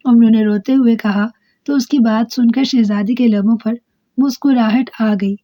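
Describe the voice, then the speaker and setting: A woman storyteller giving a steady, expressive storybook narration. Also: on the high side, no echo. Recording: dull, dry close recording.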